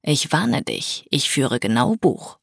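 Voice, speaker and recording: A teasing young boyfriend, as a woman reader puts him on, with a husky, slightly breathy tone. He murmurs his lines low-key and dry, close to the mic with no room around him. An audiobook reading with plain, everyday delivery. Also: big pitch swings, slow, no room sound, heavily acted.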